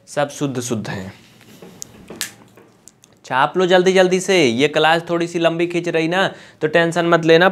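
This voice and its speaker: A man from India teaching an online maths lesson, chatty and coaxing, repeating points slowly and mixing in English textbook terms. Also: on the high side.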